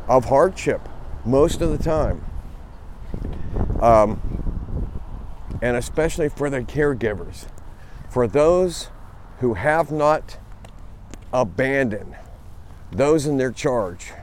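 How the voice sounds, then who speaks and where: A man's voice: medium pitch, darkish tone. Rambling man recorded on a phone outdoors. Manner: rambling, halting with frequent fillers and restarts. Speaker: podcast host. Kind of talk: casual spoken monologue. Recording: phone recording with wind and traffic noise.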